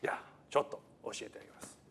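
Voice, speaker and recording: A man who isn't a native Japanese speaker preaches a church sermon. He's halting but light-hearted, using lots of fillers and poking fun at himself.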